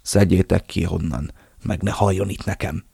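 A man's voice: sits low, steady tone, vocal fry, warm tone, slightly rough, dry recording, clean studio sound, heavily acted. A man reading an audiobook, voicing a cruel old drug cartel boss who gives orders in a menacing, commanding way.

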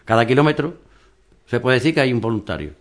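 A man's voice: mid-range voice, very animated, fast talker. A man who organizes a mountain race, talking it through in a rambling radio interview with many restarts.

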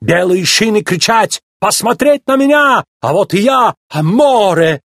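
A man voicing an excitable male Italian tire-shop car with broken grammar and a put-on Italian accent. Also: high-pitched, a little slow, dry recording, clean studio sound, voice pushed up, full character voice. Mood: excited. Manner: broken grammar, gushing and exclamatory.

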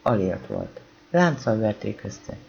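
A man with a gravelly voice reading a novel aloud as an audiobook narrator, calm and even, voicing the dialogue quietly. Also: on the low side, dull audio, a little hiss or hum. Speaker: audiobook reader.

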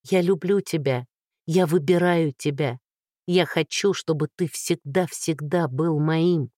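A woman voicing a hoarse, whispery young heroine in an audiobook, remorseful and loving. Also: sits low, measured pace, mellow, no room sound, clean studio sound. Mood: pleading, tender. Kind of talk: audiobook reading.

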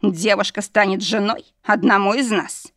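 A woman's voice: mid-range voice, steady tone, moderate pace, no echo, studio quality, lightly acted. Woman voicing a brusque demon lord. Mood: commanding. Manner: gruff, commanding, smirking. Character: arrogant mocking male demon lord, brusque.

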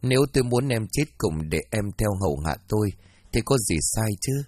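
A man's voice: on the low side, expressive, normal speed, a little mellow, no echo. A man voicing the arrogant, threatening ghost of a dead young master in a storybook reading. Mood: menacing.

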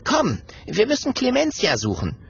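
A man's voice: sits high, huge pitch swings, moderate pace, gravelly, husky, pitched above the performer's own voice, heavily acted. A man voicing a friendly little male dragon in a children's audiobook, kind and reasoning. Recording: dull audio with faint music.

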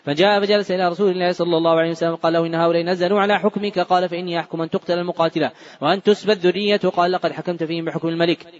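A man's voice: high voice, fairly even intonation, rapid-fire, lo-fi sound. A man reading hadith aloud at speed in a mosque, restarting words he stumbles on. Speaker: hadith reader. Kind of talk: rapid recitation of hadith text. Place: large mosque.

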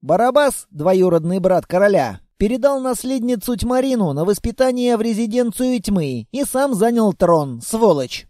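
A man narrating an audiobook in a lively, playful storytelling manner. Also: high-pitched, moderate pace, few pauses, no echo, clean studio sound.

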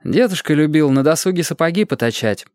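A reader voicing a calm, matter-of-fact boy in a storybook reading. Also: mid-range voice, fairly quick, no room sound, clean studio sound, pitched above the performer's own voice, close to an everyday voice. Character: calm, steady boy, gently in charge.

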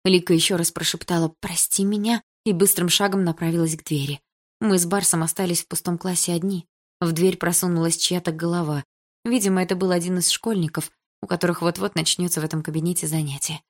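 Low-voiced woman narrating a novel. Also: steady tone, quick pace. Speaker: audiobook narrator. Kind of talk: first-person novel narration.

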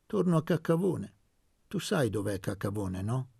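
A man's voice: medium pitch, big pitch swings, moderate pace, vocal fry, warm tone, husky, no echo, clean studio sound, full character voice. A man voicing a young male medical student who talks bluntly and frankly about his poor prospects.

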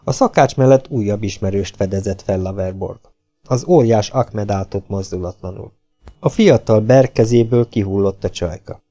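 Warm-voiced male audiobook narrator. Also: lowish voice, soft background music. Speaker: audiobook reader.

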